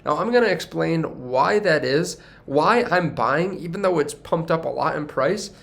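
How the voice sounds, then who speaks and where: Fairly high-pitched, expressive and a bit bright, with some creak, a young man speaks unhurriedly to camera as a finance host. His congested, cold-stuffed voice carries an upbeat tone while he rambles casually and keeps correcting himself.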